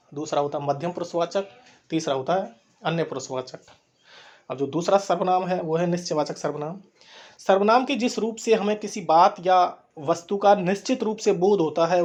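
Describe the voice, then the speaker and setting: A man's voice: a little high, darkish tone. A man teaching a grammar lesson, explaining patiently and repeating each point in simpler words.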